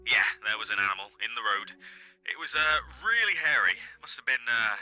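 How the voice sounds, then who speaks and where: A man playing a sheepish, nervous caller on a game's radio show, speaking haltingly. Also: on the low side, sing-song, sharp tone, dry recording, full character voice, poor audio. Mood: uneasy. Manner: hesitant, halting. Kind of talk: dramatic game dialogue, phone-in confession.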